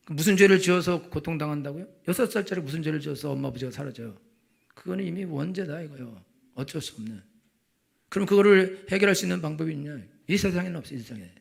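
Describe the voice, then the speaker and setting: A man preaching a Sunday sermon as senior pastor, firing rhetorical questions and building to loud passages. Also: fairly high pitch, creaky, husky. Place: church sanctuary.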